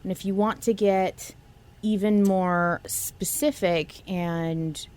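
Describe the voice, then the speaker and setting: She speaks slowly in a mid-range, steady, slightly mellow voice. The woman is a co-host on a fan podcast, casually chatting about an audio drama and leaning on slangy phrasing.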